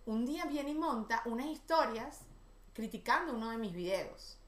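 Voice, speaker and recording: Venezuelan woman host, lively gossip, bright tone, roomy echo. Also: fairly high pitch. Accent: Venezuelan Spanish. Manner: animated, gossipy, quick to mimic others. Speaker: podcast host. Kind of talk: casual chat.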